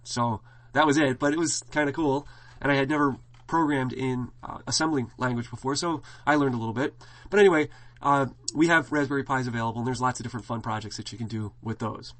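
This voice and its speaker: A middle-aged man teaching a college class, talking in a loose, rambling way with lots of "uh"s and false starts. His throat is scratchy, and his voice sits at an ordinary middle pitch for a man. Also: steady tone, fast, a bit bright. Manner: casual, rambling, frequent fillers and restarts. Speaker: college instructor. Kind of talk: classroom lecture.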